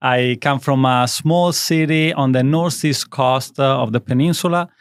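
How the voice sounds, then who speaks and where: Man, Italian accent, thirties, crisp smooth voice, dry studio sound, earnest rambling guest. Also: medium pitch, unhurried, no echo. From Italy. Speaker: guest, skincare brand founder. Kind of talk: interview conversation.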